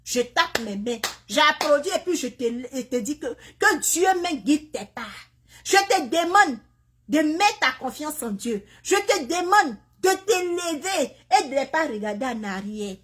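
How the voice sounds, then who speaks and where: A woman's voice: sits high, animated, a little slow, fairly bright tone. A woman, speaking into a phone video and lecturing other mothers with repeated, pointed questions. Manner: preachy, repetitive, scolding questions to other mothers. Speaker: woman sharing her migration story. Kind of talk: impassioned direct-to-camera appeal. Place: Canada.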